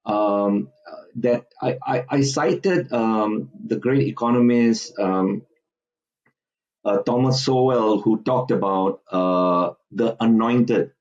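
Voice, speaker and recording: A podcast guest from Singapore hesitates constantly, restarting sentences and using many "uh"s and other fillers as he gives commentary in an interview. He has a fairly low, darkish voice, captured with lo-fi sound.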